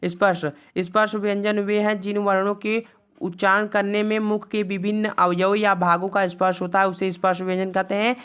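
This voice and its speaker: A woman teacher reviews a grammar lesson. Her voice is smooth and clear at a middle pitch, and she spells out lists of letters one by one and says the rules twice. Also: little pitch movement, a bit bright. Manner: recites letter lists slowly and repeats rules.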